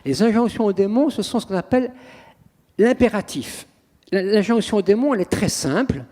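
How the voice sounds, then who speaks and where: A priest and exorcist in an interview, telling stories in an animated, dramatic way with acted quotes. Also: male voice, sits high, a little fast. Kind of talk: interview storytelling. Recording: long reverb, echoey room.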